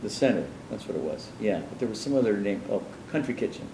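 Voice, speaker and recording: Talking fast and animatedly in a fairly low voice, a man recounts his life in an interview, wandering off on tangents, restarting often, and impersonating the people he quotes. The sound is reverberant, with a noisy background.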